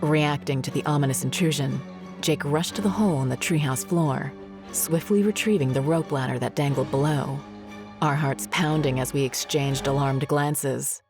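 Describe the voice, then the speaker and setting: A woman narrating a scary story in a measured, ominous storytelling manner. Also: low-pitched, music in the background. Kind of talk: scripted horror narration.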